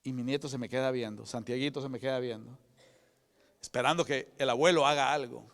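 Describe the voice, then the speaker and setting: An older man preaching a sermon as pastor, with fervent delivery that moves from loud proclamation to hushed whispers. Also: mid-range voice, fairly even intonation, a little fast. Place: church sanctuary. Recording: church hall with long reverb.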